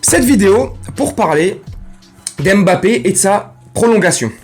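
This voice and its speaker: A man's voice: sits high, lively intonation, a little slow, slightly rough, soft background music. A man hosting a casual football vlog, talking in a crude, slangy, rambling way. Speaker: football vlogger host.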